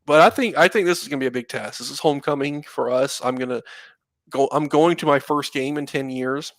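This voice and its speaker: Guy in his 30s rambling about college football, kinda gravelly voice, lots of ums and you knows, mid pitch. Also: a little fast, fairly bright tone, dry recording. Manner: rambling, conversational, many fillers and asides. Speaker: podcast co-host, Florida fan. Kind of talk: casual sports chat.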